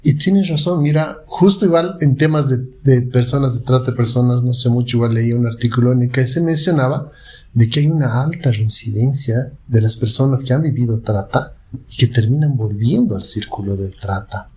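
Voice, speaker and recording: A man's voice: medium pitch, moderate pace, a little mellow. A man hosting an interview, reflecting aloud and often tagging his points with a questioning "no". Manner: reflective, hedging with ¿no?. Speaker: interview host. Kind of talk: interview conversation.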